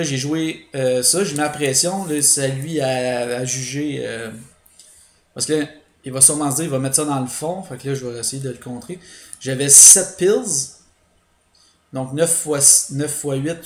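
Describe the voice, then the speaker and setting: Speaking at medium pitch with noticeable reverb, this man runs a gaming channel and narrates a let's play in a Quebec French accent. Pausing hesitantly as he reasons out loud, he walks his viewers through his strategy.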